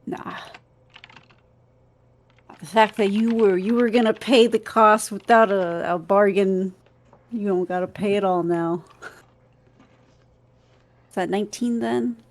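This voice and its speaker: A woman's voice: medium pitch, slow pace, long pauses. A woman playing at a tabletop game, chatting casually and joking. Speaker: player.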